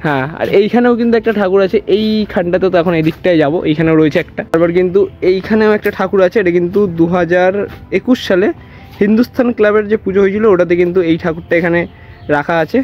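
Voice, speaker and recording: A young man with a Kolkata Bengali accent, chatting rapidly as he walks a friend through a museum for his vlog. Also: sits high. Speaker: vlogger. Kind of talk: casual walking vlog. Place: museum grounds in Kolkata, walking. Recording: dull lo-fi with music underneath.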